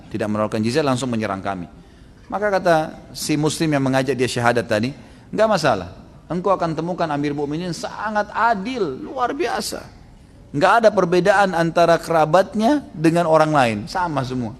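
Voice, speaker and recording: A male Islamic preacher giving a storytelling sermon, acting out quoted characters with lively shifts and frequent tag questions. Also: mid-range voice, a little hiss or hum. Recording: long reverb of a large hall.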